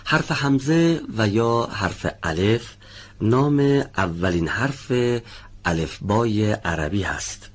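Man, teacher, low-pitched voice, husky, patient, studio lesson. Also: expressive. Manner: patient, careful, calls on students one by one. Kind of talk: televised pronunciation lesson.

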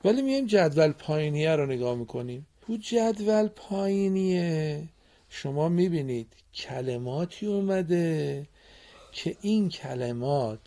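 A man's voice: on the high side, animated, mellow. A man teaching Quran reading on a radio program in a studio, patiently quizzing and encouraging his students. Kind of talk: radio classroom lesson.

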